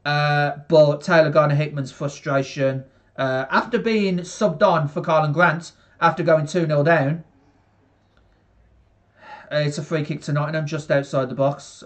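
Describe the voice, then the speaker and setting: A young man from England commentating casually on a football match for a live stream, rambling with many fillers and talking to viewers in the chat from his bedroom on a headset. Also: on the high side. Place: small bedroom.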